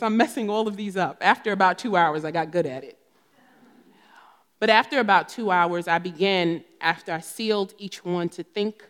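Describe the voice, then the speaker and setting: A woman with a New Jersey accent delivers a sermon at an unhurried, deliberate pace. Her storytelling swells into emphatic bursts on scripture, and her voice carries a long reverb, as in a large church hall. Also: medium pitch. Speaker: preacher.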